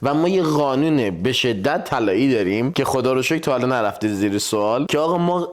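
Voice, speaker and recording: A man's voice: medium pitch, expressive. A man in his thirties with an Iranian Persian accent, co-hosting a couple's vlog in an easygoing, teasing way and speaking straight to the viewers. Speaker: vlogger co-host. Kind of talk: casual couple Q&A chat.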